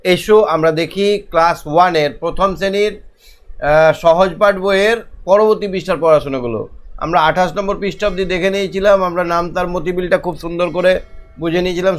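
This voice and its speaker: A male teacher, giving an online lesson to young children, talking slowly and repeating each question. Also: high-pitched. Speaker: primary school teacher, channel host.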